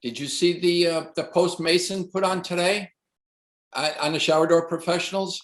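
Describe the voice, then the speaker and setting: A man's voice: high-pitched, fairly even intonation, normal speed. Emphatic man in an echoey room. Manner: emphatic, repeats for effect. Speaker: shower door installer on a panel. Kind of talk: casual shop talk.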